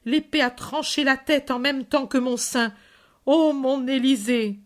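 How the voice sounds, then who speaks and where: A woman's voice: high voice, fairly even intonation, a little slow. A woman voicing a grief-stricken, mutilated mother who cries out in anguish.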